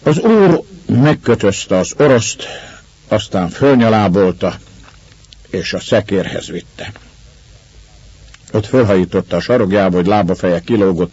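Brief: male audiobook narrator, husky and measured, dead-dry sound. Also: fairly low pitch, a little mellow, dry recording, highs cut off. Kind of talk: scripted storybook narration.

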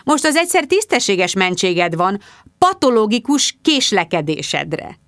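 A woman's voice: mid-range voice, very animated, fairly bright tone, dry recording, studio quality. A woman reading an audiobook voices a stern, formal man who speaks in curt, clipped lines. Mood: dry.

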